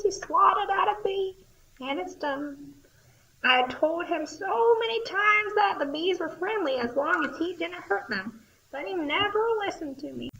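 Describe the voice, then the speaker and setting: A gentle, frail old grandmother speaks tenderly in a high, bright voice, played by a young woman. She has a heartfelt manner, and the amateur audio drama has a dull, lo-fi sound. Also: a little hiss or hum, exaggerated voice.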